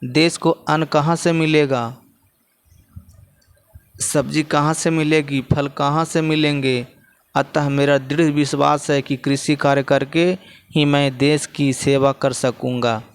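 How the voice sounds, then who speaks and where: A man's voice: a little high, flat delivery, slow pace, clear, resonant tone. A male teacher with a Bihari Hindi accent explains textbook answers to students, often repeating phrases as he points to the page.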